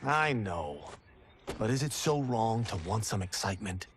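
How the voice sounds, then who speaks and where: Kung Lao, a cocky young fighter. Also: male voice, on the low side, animated, unhurried, slight background noise. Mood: wistful. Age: young adult. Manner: teasing, boastful, laughing. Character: cocky, boastful young male farmer-fighter. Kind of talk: video game cutscene acting. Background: game score music.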